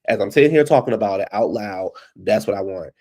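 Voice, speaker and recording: Fairly low in pitch, slightly mellow and animated, this man talks fast as he rambles through a casual solo vlog at his computer at home. He has a stuffed-up nose and a fading voice, and he keeps things loose and chatty, calling listeners "baby."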